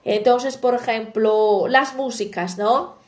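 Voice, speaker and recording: High-voiced woman teaching casually. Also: fairly even intonation, takes it slowly. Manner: chatty, explaining with anecdotes and frequent "¿bien?". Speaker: language teacher. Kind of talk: online language lesson.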